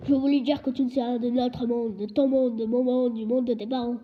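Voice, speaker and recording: A woman voicing a huge, quick-tempered man with a loud, indignant, roaring way of talking, in a storybook reading. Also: fairly high pitch, steady tone, a little hiss or hum, natural voice. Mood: gruff. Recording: dull lo-fi recording.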